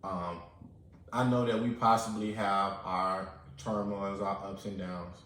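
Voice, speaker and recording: Animated man chatting in an echoey room. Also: low voice, a little slow. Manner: animated, acts out quoted lines; eating while talking. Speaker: podcast co-host. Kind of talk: casual chat.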